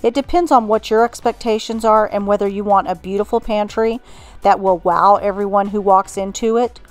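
A middle-aged woman, host of a home organizing channel, calmly narrating a scripted voice-over with friendly instructions. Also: medium pitch, normal speed, soft background music. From Texas.

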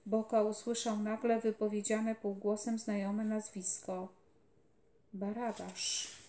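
A woman reading a children's novel aloud at a calm, steady storytelling pace, recorded in an echoey room. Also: a little high, slow, a little hiss or hum. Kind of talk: audiobook narration. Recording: roomy echoey home recording.

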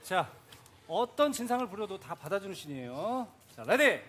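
An excitable male drama director on a comedy stage. The voice is high and swings widely, brisk and commanding, over a noisy live theatre. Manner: commanding, enthusiastic, repeats himself. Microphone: headset.

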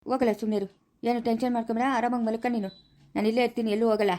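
A defensive young husband, played by a woman in a homemade family drama. The explanations pour out at a very fast clip in a fairly high voice, pleading and reassuring. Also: fairly even intonation, dark tone, lightly acted. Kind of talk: amateur family drama acting.

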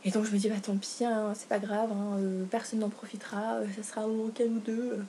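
A young woman chatting casually in a book haul vlog, gushing and excitable, full of fillers and self-corrections. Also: mid-range voice, brisk. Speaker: book vlogger. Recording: faint background noise.

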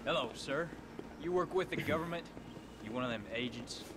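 A man's voice: fairly high pitch, moderate pace, fairly bright tone, slight background noise, natural voice. A man playing a blunt young western son. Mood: probing. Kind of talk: video game dialogue.

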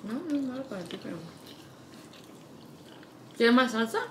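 A woman's voice: fairly high pitch, expressive, moderate pace, fairly bright tone, a little hiss or hum. A woman chatting casually at the dinner table in a matter-of-fact way, mixing Spanish and English. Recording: clattering dishes in a kitchen.

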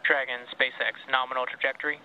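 A man's voice: medium pitch, flat delivery, a little fast, highs cut off. Man on a distant crackly radio loop. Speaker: mission controller. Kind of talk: terse radio callouts.

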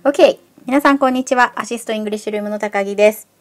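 A woman's voice: mid-range voice, soft background music. Middle-aged woman teaching pronunciation. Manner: slow, careful enunciation in English passages; lively, emphatic when stressing sounds. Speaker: English teacher. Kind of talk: bilingual pronunciation lesson.

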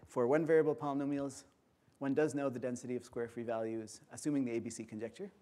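A man giving an academic conference lecture in an auditorium, explaining step by step in a measured way. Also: mid-range voice, fairly even intonation, mellow.

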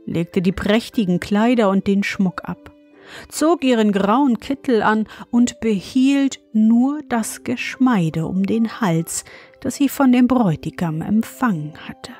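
A woman calmly reading a fairy tale aloud as a bedtime story, in a measured manner. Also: fairly high pitch, soft background music. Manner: calm, measured.

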